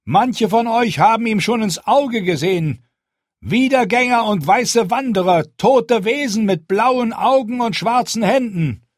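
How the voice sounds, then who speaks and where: A man voicing a stern young male commander who gives a forceful, rallying speech in an audiobook. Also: high voice, expressive, a little slow, no echo, studio quality, voice pushed up. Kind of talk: audiobook character voice.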